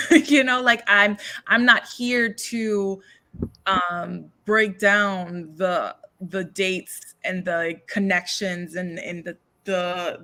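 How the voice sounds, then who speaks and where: Woman poet from New York as guest; bright tone, mid pitch, earnest and searching with restarts. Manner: earnest, thinks aloud with restarts and tag questions. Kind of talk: livestream book conversation.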